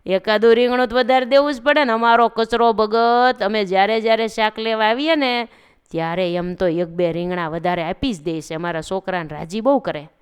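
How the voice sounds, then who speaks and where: A woman voicing an indignant village woman who loudly complains about short-weighted vegetables. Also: brisk, smooth, lightly acted. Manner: shrill, scolding complaint.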